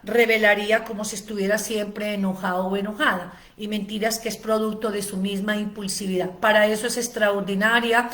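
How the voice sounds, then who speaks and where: A woman's voice: medium pitch, flat delivery, a little fast, hardly any pauses, a bit bright. A woman giving a spoken lecture on ADHD, explaining at length with frequent "eh" fillers and long lists. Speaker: ADHD educator giving a seminar.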